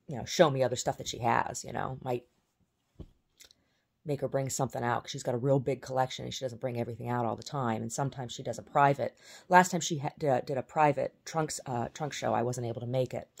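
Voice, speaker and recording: A woman's voice: very deep voice, vocal fry, a little mellow, husky. Chatty woman rambling to camera. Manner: chatty, trailing off and restarting sentences. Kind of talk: casual rambling monologue.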